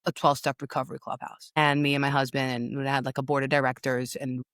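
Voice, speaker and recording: Speaking fast in a bass voice with little pitch movement, this middle-aged New York woman sounds slightly bright, and the studio recording is clean with no echo. As a podcast guest and loss and empowerment coach with a New York accent, she tells her own story with candor and emphasis, repeating words to drive points home.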